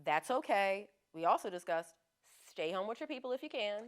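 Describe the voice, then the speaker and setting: A woman's voice: mid-range voice, sing-song, normal speed. A woman in her thirties, a podcast guest, talking in a laid-back, slangy and frank way in casual chat.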